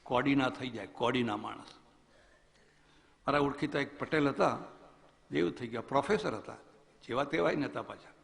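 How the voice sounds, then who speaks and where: A man's voice: medium pitch, normal speed, creaky, pauses often, long reverb tail. A man, a swami, giving a religious discourse as a storytelling preacher who asks rhetorical questions.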